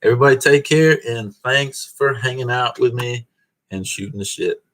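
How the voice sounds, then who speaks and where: A man's voice: medium pitch, moderate pace, a bit bright. A man hosting a casual live stream, reading viewer comments aloud and chuckling in a laid-back way. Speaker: host of a car channel live stream.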